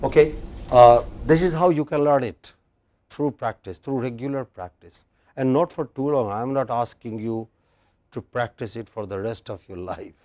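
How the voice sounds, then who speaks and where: A man's voice: mid-range voice, moderate pace, a little mellow. A man teaching English pronunciation in a lecture, patient, repeating phrases and checking that the class follows.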